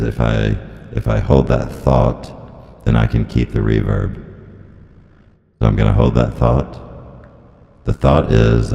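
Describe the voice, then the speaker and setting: Here a comedy performer muses absurdly in a flat, deadpan style, rambling on at length. A voice transformer shifts his pitch down, giving the man an artificially deep, gravelly sound.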